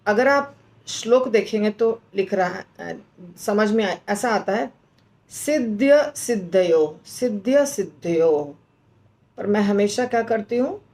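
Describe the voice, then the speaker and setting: A woman teaching how to pronounce and recite a verse, explaining slowly and patiently and chanting the lines. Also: mid-range voice. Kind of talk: slow recitation lesson.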